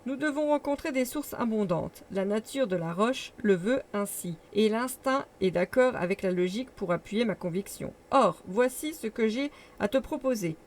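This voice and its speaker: A woman's voice: a little high, expressive, normal speed, few pauses, a little mellow, lightly acted. Stubborn old male professor, stern, insistent, obsessed explorer, read by a woman. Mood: firm.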